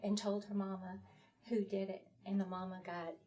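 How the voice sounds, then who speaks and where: A woman's voice: medium pitch, little pitch movement, moderate pace, dark tone. A woman author as a talk-show guest, earnestly recounting a children's story. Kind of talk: interview storytelling.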